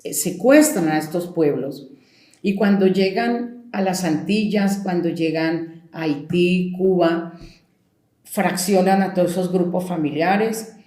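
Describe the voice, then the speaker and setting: A woman's voice: lowish voice, takes it slowly, warm tone. A Colombian woman storyteller talking reflectively and emphatically, stretching out key words. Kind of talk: reflective spoken talk. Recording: echoey room.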